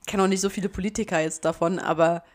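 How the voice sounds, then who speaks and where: A woman's voice: on the low side, steady tone, quick pace. A chatty young woman co-hosts a casual podcast. She is giggly and talkative and drops English slang into her speech. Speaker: podcast co-host. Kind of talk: casual chat.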